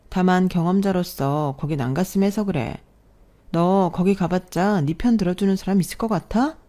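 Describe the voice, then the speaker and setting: A woman's voice: lowish voice, dark tone, close to an everyday voice. A woman voicing a divorced older sister who lectures her younger sibling in a blunt, cynical way. She reads it as part of a storybook-style narration.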